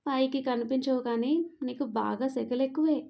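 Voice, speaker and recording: A woman's voice: high-pitched, fairly even intonation, moderate pace, creaky, dark tone. A woman voicing a bossy, threatening young man. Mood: menacing. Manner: commanding, scolding. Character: domineering possessive young man, harsh and threatening.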